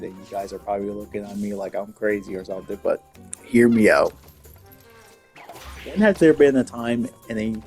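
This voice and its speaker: A man chatting casually about video games, halting and restarting with many fillers. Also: on the low side, a little mellow. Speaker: gaming video creator. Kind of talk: casual rambling commentary.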